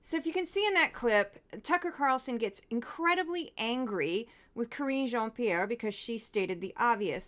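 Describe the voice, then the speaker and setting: A woman's voice: a little high, a bit bright. A woman hosting a commentary show, breaking down news clips in a wry, exasperated, conversational way.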